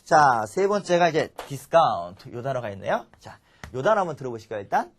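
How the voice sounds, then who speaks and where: A man's voice: medium pitch, sing-song, brisk, slight background noise. A man teaching an English vocabulary lecture, drilling listeners with call-and-response repetition.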